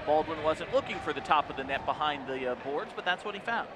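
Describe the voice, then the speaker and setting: Male hockey play-by-play announcer, fairly high voice, clipped phrases, very noisy rink behind. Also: expressive, fast talker. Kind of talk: live ice hockey commentary. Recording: noisy ice rink broadcast. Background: loud rink ambience.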